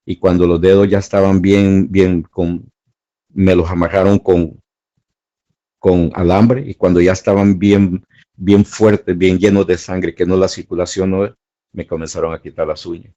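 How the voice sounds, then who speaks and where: Shaken older Salvadoran man, halting. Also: low voice, level tone, mellow, highs cut off. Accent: Salvadoran Spanish. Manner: halting, repeats words, shaken. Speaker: witness giving testimony. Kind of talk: emotional personal testimony.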